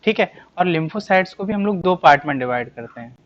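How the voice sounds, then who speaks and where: A biology teacher explaining exam answers with a mid-range voice, neither high nor low. The teacher keeps throwing out rhetorical questions and answering them, stressing key terms again and again. The sound is dull and slightly muffled. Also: expressive. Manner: reads English questions slowly, explains in Hindi.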